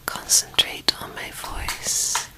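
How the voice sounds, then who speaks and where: Female ASMR creator for a tapping video: hushed, whispery, unhurried, gentle delivery. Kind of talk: soft-spoken whispered ASMR.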